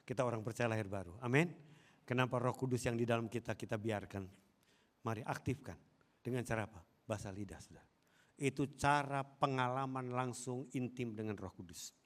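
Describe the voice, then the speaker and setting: A man's voice: medium pitch, a little fast. A man from Indonesia preaching a sermon as pastor, exhorting and asking the congregation questions. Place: church hall.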